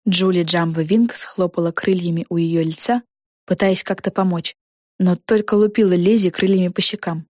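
A woman narrating a children's fantasy audiobook in a lively, expressive way. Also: on the low side, moderate pace, no echo, studio quality. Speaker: audiobook reader. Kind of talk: storybook narration.

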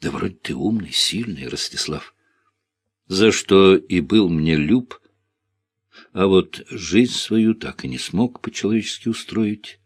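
A man voicing a weary middle-aged village woman in an audiobook, husky, with folksy, soft, reproachful speech. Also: low-pitched, expressive, slow pace, dry recording, heavily acted. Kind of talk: audiobook character reading.

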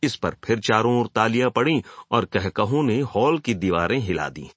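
A man's voice: fairly low pitch, animated, moderate pace, no echo. A man narrating a literary novel as an audiobook, telling the story expressively.

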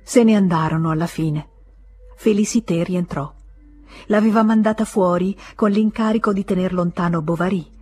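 A woman reading a novel aloud as an audiobook, in a measured, expressive storytelling manner. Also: lowish voice, slightly rough. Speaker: audiobook reader. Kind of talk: scripted literary narration.

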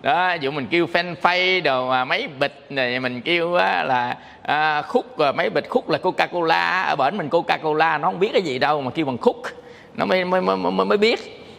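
Gravelly bright-voiced monk preaching. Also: male voice, fairly high pitch, brisk, long reverb tail. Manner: conversational, asks the audience questions. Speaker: Buddhist monk teacher. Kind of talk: dharma talk.

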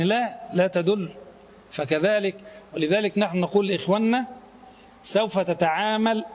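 A middle-aged man teaching a classical grammar lesson. He poses questions to his students, answers them himself, and repeats key terms slowly for emphasis. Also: sits high.

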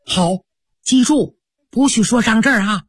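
Young maid giving quick orders, woman doing it, husky and dry. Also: on the high side, no room sound. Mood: hushed. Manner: urgent, hushed instructions. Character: young household maid, sensible and brisk.

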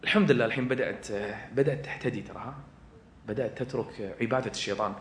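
A man preaching with a Kuwaiti accent, moving from quiet asides to loud, fervent exhortation. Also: medium pitch, racing, a little hiss or hum. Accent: Kuwaiti Arabic. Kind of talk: religious lecture to an audience. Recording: echoey room.

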